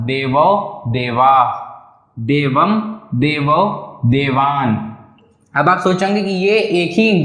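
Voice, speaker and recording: A man's voice: a little high, roomy sound. A man teaching a school lesson, patiently explaining, asking questions and answering them himself, with a Lucknow Hindi accent.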